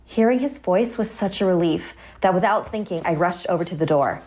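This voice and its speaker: A woman's voice: fairly low pitch, brisk, a little mellow. A woman narrating a scripted first-person horror story, with music behind her voice.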